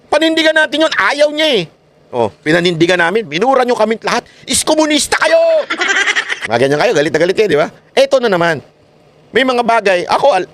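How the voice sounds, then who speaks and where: A man hosting a political vlog, talking in an animated, mocking way, often laughing and mimicking his critics. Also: high-pitched. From Philippines. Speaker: political vlogger host.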